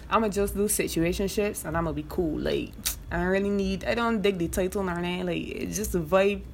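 In a casual podcast monologue, a young woman with a Barbadian accent speaks frankly, swears freely and repeatedly asks "you know what I mean." Her voice is mid-range, and there's a little hiss or hum.

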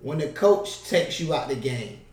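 Animated man, roomy off-mic sound. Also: a little high, measured pace, far from the mic. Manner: animated, playful, slangy, acts out bench banter. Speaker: podcast co-host, assistant basketball coach. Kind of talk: casual podcast chat.

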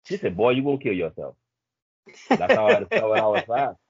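A man in his thirties with a Bahamian accent chats casually and tells stories as a coach guest over a thin call line. His mid-range voice is brisk, creaky, and slightly rough, with wildly swooping pitch. The audio is dull and has no echo.

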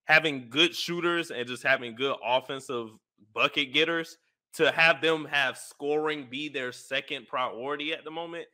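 A man's voice: fairly high pitch, moderate pace, sharp tone. A man co-hosting a sports talk show, giving blunt, opinionated takes on basketball in slangy casual speech. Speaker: sports podcast co-host.

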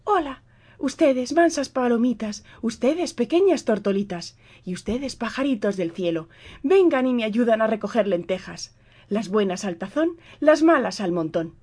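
A woman voicing a gentle young girl, calling out in a high, slow, pleading voice. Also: close to an everyday voice.

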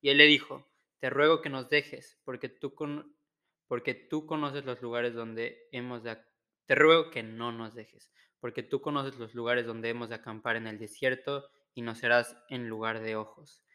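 A man's voice: mid-range voice, steady tone, moderate pace, pushed and bright, clear, resonant tone. Earnest man reading scripture. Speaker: co-host and preacher. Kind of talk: casual chat and Bible reading.

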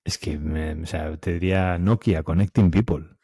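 Deep husky Spanish man joking around. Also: fairly even intonation, moderate pace, dark tone. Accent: Spanish from Spain. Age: 30s. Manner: joking, swears casually. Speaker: podcast co-host. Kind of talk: casual podcast chat.

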